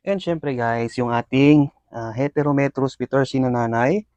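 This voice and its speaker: At a medium pitch and normal speed, a video host describes his scorpions' feeding in excited play-by-play, chatting with viewers and using fillers often. His tone is clear and resonant, the recording has no room sound, and the highs are cut off.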